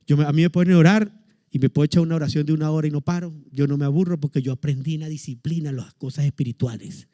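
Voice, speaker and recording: A middle-aged man, preaching a lively sermon with humorous stories and fervent calls to prayer. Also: a little high, rapid-fire, no room sound. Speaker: pastor.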